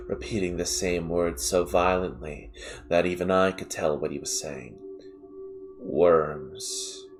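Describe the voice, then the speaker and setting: A man reading a scripted horror story in a measured, dramatic way with stressed pauses. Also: low voice. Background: music.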